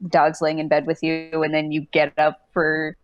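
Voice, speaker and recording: A woman narrating a tabletop game as game master, thinking aloud with hesitant pauses. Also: low voice, completely flat delivery, dull audio, faint music behind.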